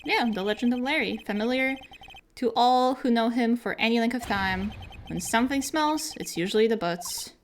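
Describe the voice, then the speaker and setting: A woman's voice: on the high side, normal speed. A joking woman chatting casually and reading lines aloud as she co-hosts a game playthrough.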